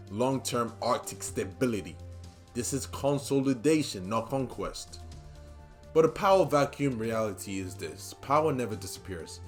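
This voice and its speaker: A male host delivers solo commentary in an emphatic way and repeats his key points for stress. He drops casual asides to the listener between them. Faint music plays underneath his voice. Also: on the low side. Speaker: podcast host.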